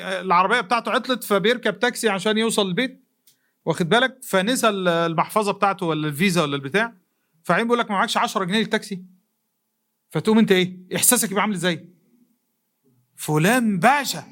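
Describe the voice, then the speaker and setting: A man with an Egyptian accent delivers a mosque lesson at a rapid clip. His voice sits high and sounds bright and forceful. He speaks in everyday colloquial terms, questioning the audience and slipping into the voices of imagined people. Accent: Egyptian Arabic. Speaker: preacher.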